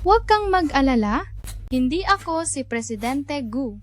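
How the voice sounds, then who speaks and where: A woman's voice: high voice, sing-song, moderate pace, a little hiss or hum. A woman dubbing a scheming young female captor who talks in a cool, menacing, toying way. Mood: calm menace. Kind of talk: Tagalog drama dub.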